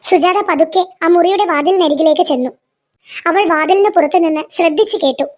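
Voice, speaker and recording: A woman narrating a family moral story in a scripted, even storytelling manner. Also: extremely high pitch, a little fast.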